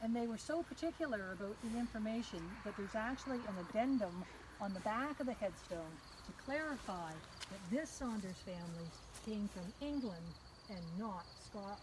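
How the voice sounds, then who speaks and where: A woman guiding a walking tour outdoors, telling stories in a measured, deliberate way. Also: medium pitch, animated. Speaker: cemetery tour guide. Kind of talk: guided walking tour storytelling. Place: outdoors in a cemetery at night. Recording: outdoor recording with clear background noise, crickets.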